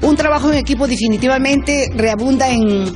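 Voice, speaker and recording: A woman's voice: high-pitched, fairly quick, over music. An older woman, a restaurant owner, speaking earnestly and gratefully in a restaurant kitchen. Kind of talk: interview.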